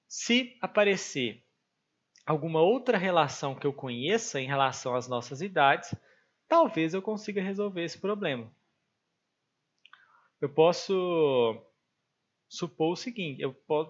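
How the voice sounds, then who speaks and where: A Brazilian man teaches a math lesson, thinking aloud with plenty of filler words. His voice sits a little high for a man. The recording sounds dull and lo-fi. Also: fairly bright tone. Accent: Brazilian Portuguese. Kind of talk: explaining exam problems step by step.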